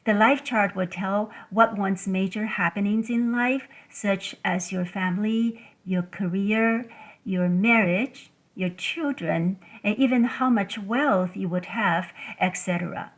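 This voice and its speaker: A woman from Taiwan, hosting a scripted solo talk and listing points in a measured, deliberate way. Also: mid-range voice, rough recording. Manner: measured, deliberate delivery listing items one by one. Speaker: podcast host.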